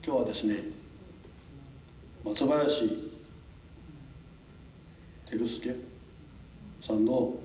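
An older man from a southern island gives a talk to a local crowd in a polite, formal way, with chuckles and asides. His voice is mellow and middle-pitched. The recording is roomy, picked up from a distance, with faint room noise behind it. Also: drawn-out words, long pauses. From Tokunoshima, Amami Islands, Japan. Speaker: lecturer. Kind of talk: public talk to a local audience. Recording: echoey hall, mic at a distance.

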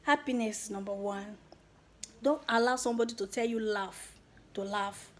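This young adult YouTuber speaks at a moderate pace in a mid-range voice, her Nigerian accent clear as she thanks subscribers in a casual vlog. Emotional and thrilled, she mixes English with Pidgin.

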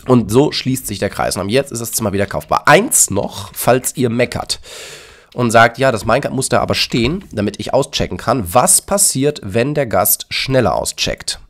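A man's voice: medium pitch, animated, moderate pace. A man casually commenting on his Minecraft build and explaining it to his viewers. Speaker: YouTuber demonstrating a Minecraft build.

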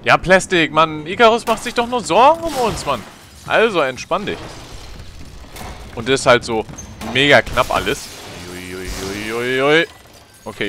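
A man commentates on a game in a bright, mid-pitched voice. His talk is colloquial and slangy, and he gets excitable. Faint game noise sits behind him. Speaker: let's player. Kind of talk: casual gameplay commentary.

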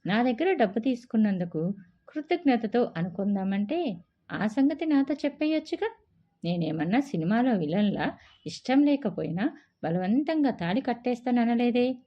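A woman's voice: a little high, very animated, moderate pace. A woman voicing a hurt young suitor who speaks with reproach and sarcasm. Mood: reproachful. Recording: dull lo-fi recording.

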